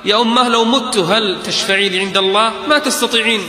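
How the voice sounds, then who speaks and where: A devout teenage girl pleads earnestly with her parents, voiced by a preacher in a sermon. The voice sits a little high and sounds bright and forceful. It rings out in a hall with long reverb. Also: lively intonation, quick pace. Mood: pleading.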